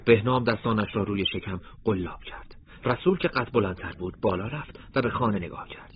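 Male narrator, lowish voice, dramatic storytelling, dull lo-fi recording with faint hiss. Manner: dramatic storytelling with acted dialogue.

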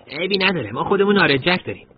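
A man voicing a young teenage fighter who talks in urgent, hushed tones, in a radio-style story reading. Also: sits high, lively intonation, crowd noise. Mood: restless. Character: young male teen fighter defending a city. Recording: tinny phone-like lo-fi audio.

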